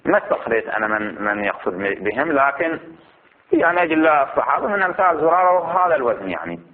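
A man teaching a religious jurisprudence lesson. He reads the text slowly, then explains it in a conversational way. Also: fairly high pitch, very animated. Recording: phone-like lo-fi audio.

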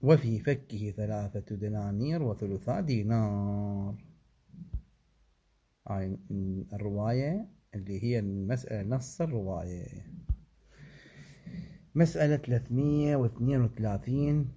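Low, mellow-voiced religious law teacher. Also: male voice, husky. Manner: measured recitation of figures with asides and self-corrections. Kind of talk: seminary lecture, reading and explaining a text.

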